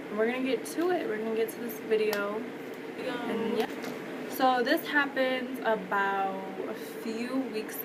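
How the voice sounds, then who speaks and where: American woman chatting over loud fan noise. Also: fairly high pitch. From United States. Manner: informal, slangy, frequent swearing. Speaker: vlogger. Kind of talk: casual storytime chat. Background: whirring electric fan.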